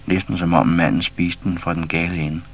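Husky deep-voiced man reading a children's story. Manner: warm, steady storyteller addressing a child listener. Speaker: audiobook reader.

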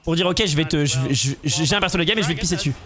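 A man co-casting an esports match on his stream, animated, swearing and shouting at plays while talking to his chat. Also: fairly high pitch, rapid-fire. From Portugal. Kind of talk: excitable casual commentary. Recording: crowd noise from match stream behind.

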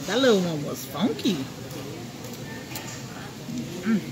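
A woman's voice: mid-range voice, sing-song, slow, very noisy. A young woman vlogger in casual mukbang chat, swearing freely and talking while chewing crawfish. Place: buffet restaurant. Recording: busy crowded restaurant behind.

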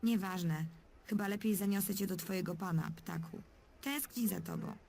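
A young woman voicing a calm, matter-of-fact heroine in a dubbed adventure game. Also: mid-range voice, normal speed, gravelly, slight background noise, natural voice. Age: young adult. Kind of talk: game dub voice acting.

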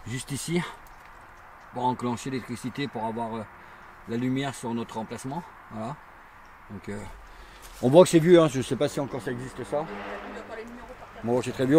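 An urban explorer vlogger in his forties talks to his action camera, handheld or chest-mounted, as he walks through an abandoned, burned campsite outdoors. His medium-pitched voice is a little mellow, with slight background noise, and his casual commentary rambles along full of fillers and repeats.

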